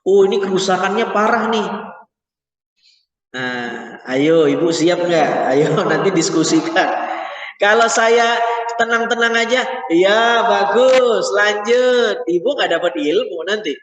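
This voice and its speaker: Animated high-voiced teacher in echoey hall. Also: male voice, measured pace, pauses often. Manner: chatty, animated, teasing the audience. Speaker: Quran teacher. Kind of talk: informal religious class. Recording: echoey hall, mic far off.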